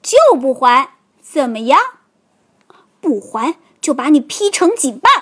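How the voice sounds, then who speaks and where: A woman voicing a bossy big bully bear boy who taunts loudly in a storybook. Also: high voice, animated, a little slow. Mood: taunting. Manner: taunting, loud.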